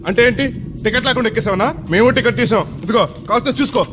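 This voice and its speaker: An actor playing a naive, middle-aged village man on his first flight, loud and rustic, mangling English words. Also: extremely high pitch, racing. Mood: clueless. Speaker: actor in a film comedy scene. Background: film background music.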